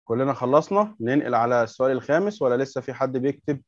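A man with an Egyptian Arabic accent talks very fast with lively intonation at a medium pitch, explaining a workbook lesson step by step to teach little children English words. He repeats words patiently and asks questions, and the recording is dry and dull.

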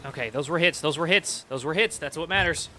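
A young man streaming a video game, excitably talking to himself as he plays. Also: fairly high pitch, fairly quick, a little hiss or hum. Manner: excitable, talks to himself while playing. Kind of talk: live gameplay commentary.

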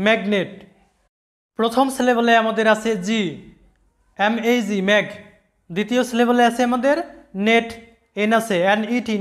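A teacher giving a recorded pronunciation lesson, patiently repeating example words slowly and spelling out letters. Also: mid-range voice.

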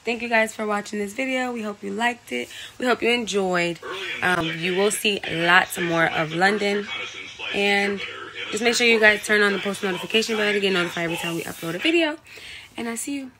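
A woman's voice: medium pitch, a little fast, noisy background. A woman in her twenties chatting casually in a vlog, playful and laughing a lot. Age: 20s. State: out of breath. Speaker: vlogger. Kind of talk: casual chat.

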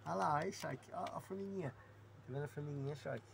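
A man's voice: fairly high pitch, fairly quick, vocal fry, noisy background. A man talking affectionately to his dog in baby talk, laughing and cursing. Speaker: dog owner filming his pet. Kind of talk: casual home video talking to a dog.

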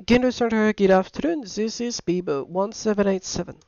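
A man's voice: high-pitched, a little fast, darkish tone, dry recording, lo-fi sound. A man with a French accent, French his first language, making hesitant English radio calls and cockpit callouts over a pilot headset as a flight simulator pilot.

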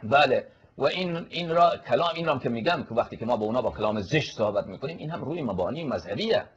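A male cleric giving a forceful, polemical religious lecture, answering a questioner and quoting Arabic scripture. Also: mid-range voice, lively intonation, dull audio.

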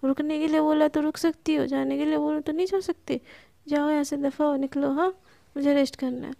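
A woman voicing a hot-tempered, stubborn young woman who bickers in a loud, shrill, stammering way. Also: fairly even intonation, brisk, vocal fry, dry recording. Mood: bickering.

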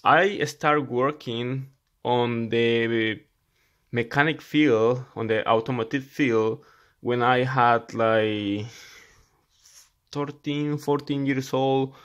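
Seated indoors at his laptop, a thirty-something mechanic YouTuber from El Salvador talks earnestly to his viewers, keeping phrases simple and restarting often. His Salvadoran Spanish accent comes through a mid-range, steady, smooth voice that is slow and fairly bright, though the highs are cut off.

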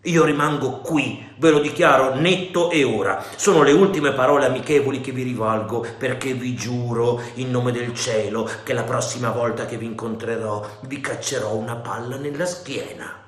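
A man voicing a stern, upright naval captain, firm and measured. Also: medium pitch, echoey room, lightly acted.

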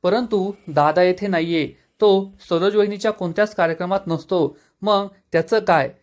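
A man reading the lines of a defiant younger woman arguing with family, fast and plain. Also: sits high, close to an everyday voice.

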